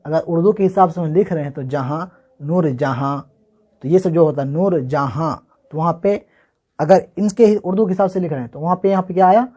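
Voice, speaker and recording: Man slowly spelling out Urdu words. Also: fairly high pitch, dark tone. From Bihar, India. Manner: repeats words slowly, asks and answers himself. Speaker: Urdu handwriting teacher. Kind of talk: casual teaching with spelled-out letters.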